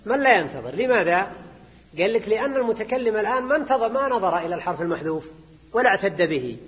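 A man teaching grammar as a sheikh, reading a text and then explaining it, repeating phrases and quizzing students with quick questions. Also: high-pitched, lively intonation, fairly bright tone. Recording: reverberant lecture hall.

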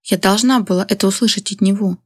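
Woman reading a dramatic audiobook in first person, middle pitch, dry close sound. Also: steady tone, quick pace, slightly rough, no echo. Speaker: audiobook narrator.

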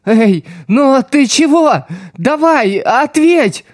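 A man's voice: high voice, sing-song, no echo, studio quality, heavily acted. A man reading an audiobook, voicing a desperate young street boy who pleads and cries out for help. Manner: crying out, pleading, drawn-out shouts.

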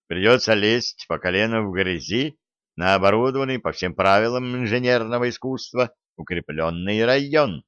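A man reading a first-person audiobook in a measured, dramatic manner. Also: on the low side, fairly bright tone, no echo, dull audio. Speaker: audiobook reader.

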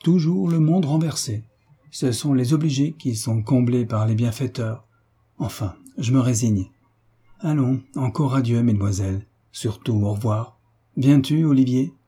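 A man's voice: mid-range voice, measured pace, warm tone, breathy edge. A man voicing a joyful older sailor, a veteran uncle who speaks in hearty exclamations.

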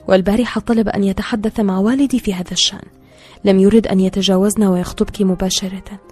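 A woman's voice: medium pitch, warm tone, slightly rough, close to an everyday voice. A woman reading the part of a frank young woman who earnestly presses her friend.

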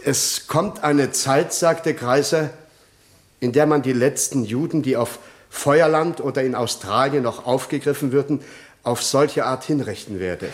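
An actor playing a witness who gives calm, matter-of-fact testimony in a 1960s radio drama. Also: male voice, medium pitch, measured pace, lightly acted. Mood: measured. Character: calm male witness giving sworn testimony.

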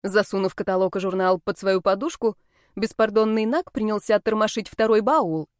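A woman's voice: mid-range voice, normal speed, no room sound. Woman reading a story, dry mic. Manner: lively first-person storytelling. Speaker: audiobook reader. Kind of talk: scripted narration.

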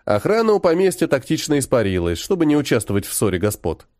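Man, storybook narrator, lively dramatic reading, close dry mic. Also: mid-range voice, fast talker, no room sound. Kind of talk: scripted audiobook narration.

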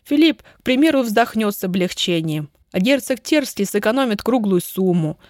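A woman narrating a first-person fantasy audiobook in an expressive reading voice. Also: mid-range voice, normal speed, no echo, studio quality.

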